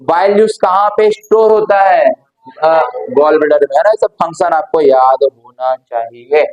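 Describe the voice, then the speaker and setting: A man's voice: fairly high pitch, measured pace, a little mellow, lo-fi sound. A male biology teacher, lecturing casually, firing questions at the class and answering them himself. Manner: asks questions and answers them himself, calls students brother.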